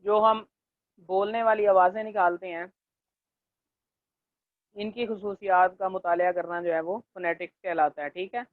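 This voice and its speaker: A male linguistics lecturer teaching a class, leaning on fillers and checking in often, and slowing down to dictate definitions. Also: high-pitched, little pitch movement, dry recording. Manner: leans on the filler "jo hai na" and checks in with "theek hai"; slows down to dictate English definitions. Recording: tinny, dry, phone-like recording.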